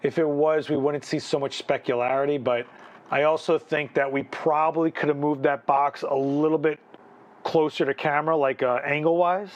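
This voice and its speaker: The same photo-critique host speaks slightly high with a steady tone at normal pace, and the recording has its highs cut off. He talks casually, restarts his thoughts, tosses in "right?", and his strained voice seems to be going.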